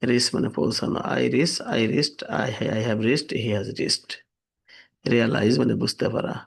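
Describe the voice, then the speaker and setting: A man's voice: mid-range voice, unhurried, creaky, slightly rough. A man teaching English vocabulary, steadily reading verb forms and their meanings. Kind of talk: vocabulary lesson, reading word lists with translations.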